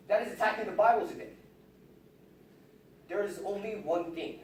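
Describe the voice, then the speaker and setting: An orator giving an impassioned, combative religious speech in emphatic, declamatory phrases with dramatic pauses. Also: mid-range voice. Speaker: orator defending the Bible. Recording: distant, echoey hall-like sound.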